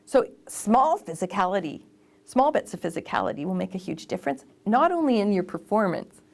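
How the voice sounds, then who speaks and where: A woman voice actor and casting director giving lively, emphatic advice in a conversational interview. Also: medium pitch, brisk, creaky.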